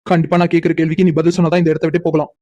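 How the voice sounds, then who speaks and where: A woman's voice: deep voice, level tone, racing, dark tone, no echo, lo-fi sound. A woman voicing a cocky, stubborn young man in a cartoon, teasing and insistent. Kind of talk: cartoon voice acting.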